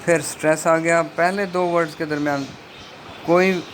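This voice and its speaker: A man giving a linguistics lecture, explaining a textbook step by step with frequent hesitations and reading English passages very slowly. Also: a little high, steady tone. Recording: faint background noise.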